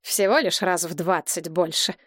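A woman's voice: on the low side, fairly even intonation, moderate pace, slightly rough, no echo, clean studio sound. Woman playing a sour, sarcastic male banker. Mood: dismissive. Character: nervous, sarcastic middle-aged male banker.

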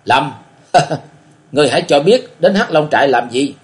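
A man's voice: a little high, lively intonation, a little slow, pitched above the performer's own voice. A man reading an audiobook, voicing a frightened village woman in her forties who pleads and speaks with fear. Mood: wary. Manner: fearful, pleading.

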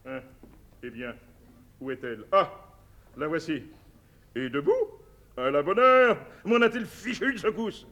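A man playing a blustering old general in a 1953 operetta broadcast, gruff and soft-hearted, stammering when flustered. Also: fairly high pitch, unhurried, long pauses. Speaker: operetta singer-actor. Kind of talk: 1950s radio operetta acting.

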